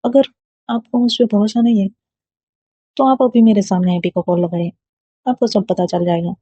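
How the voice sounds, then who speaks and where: A woman's voice: medium pitch, fairly even intonation, mellow, breathy edge, dry recording, close to an everyday voice. A woman reading a storybook voicing a proud young college woman who gets defensive easily. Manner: defensive, quick to bristle. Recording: dull lo-fi dry recording.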